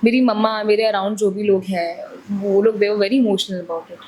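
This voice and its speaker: A woman's voice: medium pitch, fairly even intonation, unhurried, a little mellow, a little hiss or hum. A woman actress, a guest in a casual interview, chatting freely, laughing often and acting out lines quoted from the set.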